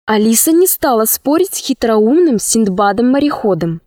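A woman narrating a children's audiobook story in a calm, measured reading voice. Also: fairly high pitch, no room sound, studio quality.

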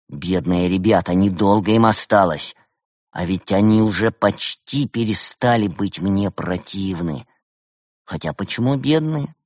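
A man's voice: lowish voice, no room sound, studio quality. A man voicing a young male tiger cub ghost, defiant, bloodthirsty and demanding.

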